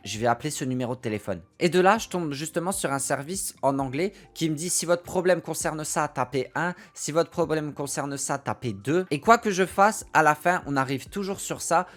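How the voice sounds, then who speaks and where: A man's voice: fairly high pitch, fairly quick, few pauses, faint music behind. A young man from France recounting a personal story to his viewers, emphatic and prone to repeating phrases for effect. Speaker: streamer and video creator. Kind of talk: storytelling to camera.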